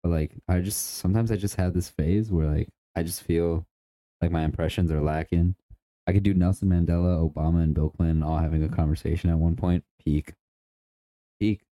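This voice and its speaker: A man's voice: sits low, steady tone, brisk, mellow, no room sound. A young man co-hosting a podcast in casual chat, crude and boastful, swearing a lot. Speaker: podcast co-host.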